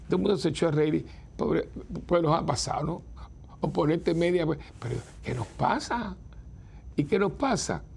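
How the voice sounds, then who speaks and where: A man, a priest, preaching a sermon with animated stories, slowing to soft, drawn-out emphasis. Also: a little high. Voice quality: gravelly, husky. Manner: animated storytelling that drops to slow, soft emphasis.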